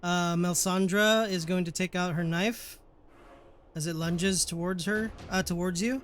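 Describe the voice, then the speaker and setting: A man running a tabletop horror game as game master, describing scenes haltingly with many fillers. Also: high-pitched, fairly even intonation, a bit bright, a little hiss or hum.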